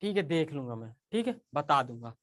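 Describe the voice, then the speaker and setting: A man's voice: a little high, sing-song, fairly quick, a bit bright. Male teacher, casual live class, conversational, keeps checking in with students. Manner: chatty, repeats "okay" often and speaks straight to students.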